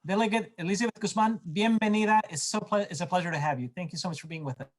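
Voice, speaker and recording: A man's voice: high voice, rapid-fire. A man from Peru hosting an interview over a video call, speaking with enthusiasm and stumbling through restarts. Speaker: host, moderator. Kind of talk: hosted interview.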